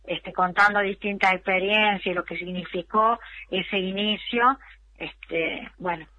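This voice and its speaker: A woman's voice: medium pitch, fairly even intonation, measured pace, muffled recording. A middle-aged woman with an Argentine accent, a municipal culture official talking as a guest in an interview, hesitant and full of fillers. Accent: Argentine Spanish.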